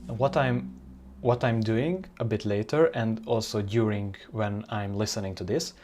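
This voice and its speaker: A man from Hungary, a native Hungarian speaker with a Hungarian accent, giving an informal language-learning tutorial in halting, searching phrases. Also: on the low side, fairly even intonation, darkish tone.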